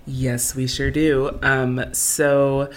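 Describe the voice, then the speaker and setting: A woman co-hosts a podcast from an empty apartment, chatting casually with frequent giggles and fillers. Her voice is a bass, flat in delivery and very slow.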